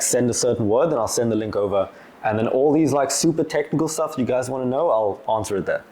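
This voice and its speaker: Young male business vlogger, twenties, warm relaxed tone, easygoing, filler-heavy delivery. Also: medium pitch. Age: 20s. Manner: loose and chatty, lots of "like", acts out little dialogues. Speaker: agency owner giving business advice. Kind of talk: casual talking-head Q&A.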